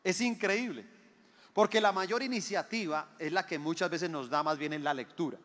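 A man's voice: on the high side, normal speed, a bit bright. A man, preaching a sermon. He talks with emphasis, repeats his phrases and asks the listeners rhetorical questions. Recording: long hall reverb.

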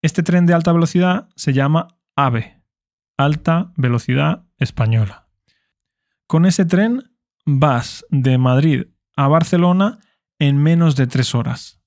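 A man from Spain with a Spanish accent, reading listener questions aloud and answering them in a clear, explanatory way. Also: fairly high pitch, takes it slowly, darkish tone, no echo, clean studio sound. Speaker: Spanish teacher podcast host.

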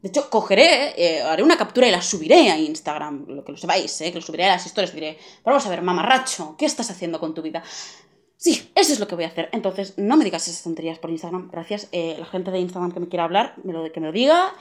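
Young woman podcast host, exasperated solo rant, sarcastic, lowish voice. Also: animated, quick pace, hardly any pauses. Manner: exasperated, ranting with sarcastic asides. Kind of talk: venting monologue.

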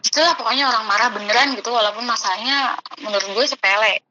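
A woman's voice: on the high side, fast talker. A young woman, chatting casually about her own life as a guest. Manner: chatty, uses Jakarta slang. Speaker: guest telling her story. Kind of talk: casual chat. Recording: muffled with clear background noise.

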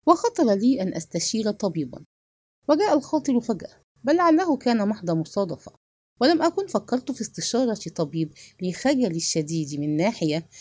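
A woman gives a measured, expressive reading of a first-person novel. Her voice is mellow and dark in colour yet moves widely in pitch, recorded dry and close. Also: no echo. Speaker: narrator.

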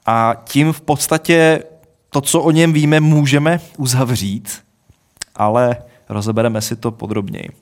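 Male co-host, mid pitch, dry explanatory storyteller. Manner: wry, explanatory, deadpan asides. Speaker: podcast co-host. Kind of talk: casual chat, storytelling.

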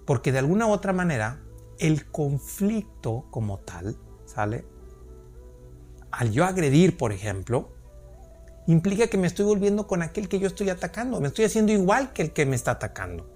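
Male podcast host, slightly high voice, earnest explainer, faint music underneath. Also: sing-song, moderate pace, a little mellow. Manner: earnest, explanatory, asks rhetorical questions. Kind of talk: reflective solo podcast talk.

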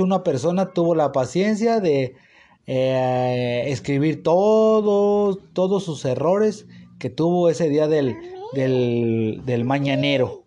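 A man in his thirties with a Mexican accent hosts a casual podcast chat, rambling in slang and restarting often. His voice is fairly high and warm, and the home recording is noisy.

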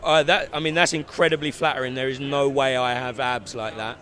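A man from London speaks with an English accent at an ordinary middle pitch. He answers questions in a relaxed way with dry humor during an outdoor red-carpet chat. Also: brisk. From London, England. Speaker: actor, guest. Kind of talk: casual interview chat.

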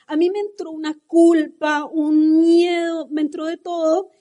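A woman with a Colombian accent giving a passionate, animated motivational talk to a live audience at a business seminar. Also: very high voice, measured pace.

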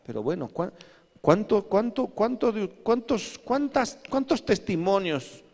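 A male pastor preaches slowly and deliberately, in a fairly high voice. He keeps asking the congregation questions and slips into short acted asides. His voice rings out in a church hall with a long echo. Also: big pitch swings, vocal fry, darkish tone. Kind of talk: sermon.

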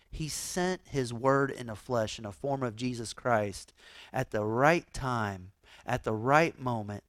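Animated male pastor preaching. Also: mid-range voice, no echo, studio quality. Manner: animated storytelling, acts out quoted voices. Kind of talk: sermon.

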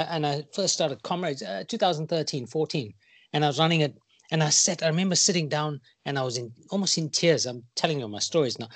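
Man, husky, somewhat high voice, enthusiastic storyteller, casual podcast chat. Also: dry recording. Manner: enthusiastic, storytelling, says mate often.

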